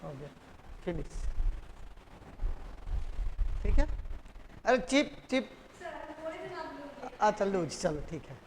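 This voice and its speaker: A man's voice: high voice, big pitch swings, slow pace, long pauses, slight background noise. A male teacher giving a classroom lecture, repeatedly quizzing his students and having them echo the key terms. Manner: drilling students with repeated questions. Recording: classroom with long reverb.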